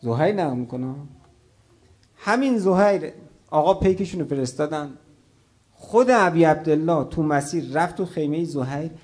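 A man preaching a religious sermon, speaking with passion. He swings between raised exclamations and soft, hushed passages, and addresses his listeners directly as brothers and sisters. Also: fairly high pitch. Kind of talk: religious sermon with recitation of a martyrdom story.

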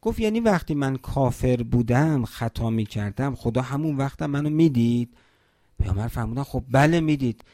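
A man's voice: medium pitch, expressive, warm tone, dry recording. A man preaching a religious sermon at a mourning gathering, emphatic, asking rhetorical questions and quoting scripture in Arabic.

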